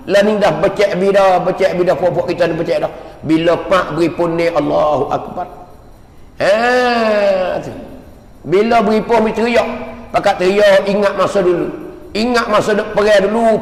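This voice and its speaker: A man, a religious teacher telling a story with emotion and constant repetition. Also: high voice. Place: mosque. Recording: echoey mosque hall.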